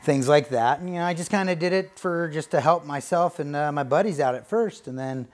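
This barbershop owner, a man in his thirties, has a fairly high voice and talks fairly quickly. He's being casually interviewed in the shop's basement while cutting hair, sounding earnest and thankful and using many fillers.

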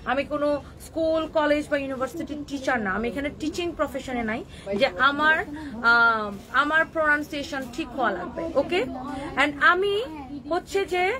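A woman's voice: high-pitched, normal speed, a crowd in the background. A woman with a Kishoreganj Bengali accent from Bangladesh, scolding viewer comments on a live stream and mixing English words into her Bengali. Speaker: clothing shop owner hosting a live stream.

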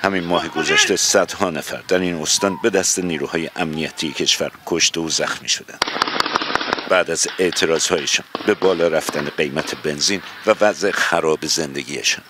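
A man narrating a news report as a reporter, formal and measured. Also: very deep voice, very noisy.

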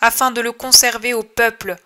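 A woman reader voicing Jesus as a gentle male preacher, speaking to a crowd in a solemn, measured way for an audiobook. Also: on the high side, level tone.

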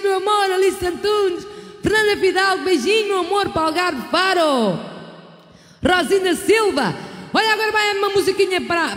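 Middle-aged Portuguese woman, high-pitched, casual bawdy live-stream host; long hall reverb. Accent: European Portuguese. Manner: bawdy, chatty, laughs often, sends kisses to viewers. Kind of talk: casual live-stream chat with shout-outs. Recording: echoey room with long reverb and music.

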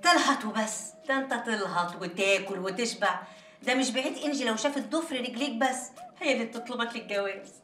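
A woman's voice: a little high, fast talker, fairly bright tone, roomy sound, far from the mic, lightly acted. An actress playing a scheming, playful female friend who teases in an Egyptian Arabic accent.

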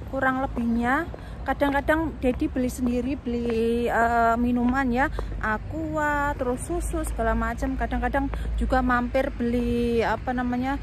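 Walking past roads and car parks and then through a supermarket, a woman chats to viewers like friends as she vlogs her shopping trip for her family channel. Her voice is high-pitched, and the low-quality recording from a phone or camera held at arm's length picks up slight background noise.

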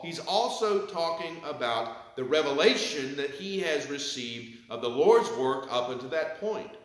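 A man in his thirties preaching a sermon from a pulpit in a church sanctuary, with measured delivery. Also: on the high side, a bit bright, very echoey, low-quality recording. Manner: measured preaching, reads scripture with rising emphasis. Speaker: pastor. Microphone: pulpit mic, far camera.

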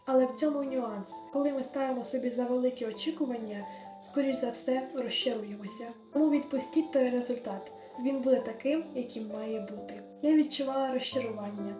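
A woman's voice: fairly high pitch, brisk. Earnest young woman giving study tips. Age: late teens. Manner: earnest, gentle advice-giving. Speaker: vlogger. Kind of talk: advice vlog narration. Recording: echoey room with music underneath.

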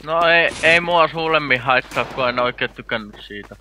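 A man chatting casually while gaming, rambling through halting explanations. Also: mid-range voice, background noise. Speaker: gamer.

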